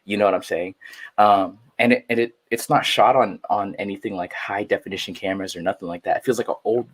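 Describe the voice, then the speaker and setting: A man's voice: fairly low pitch, fairly even intonation, fast. A man from the Philippines raised in San Jose, California, speaking as a guest in a casual podcast conversation, easygoing and full of "you know what I'm saying.". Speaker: podcast guest, artist and musician.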